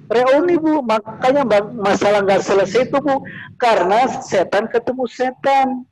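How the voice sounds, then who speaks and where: A man's voice: very high-pitched, moderate pace, a crowd in the background, low-quality recording. Chatty man teaching a religious group. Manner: chatty, repeats "Bu" often, asks listeners questions. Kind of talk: informal religious talk to a group.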